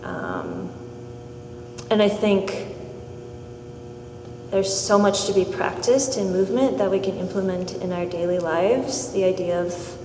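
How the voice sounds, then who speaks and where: A young woman with a slightly low voice speaks thoughtfully and earnestly about her art. The sound is echoey with a long reverb tail and noticeable background noise. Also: animated, a little slow, pauses often. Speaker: MFA dance student. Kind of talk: interview answers. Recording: echoey hall, noisy.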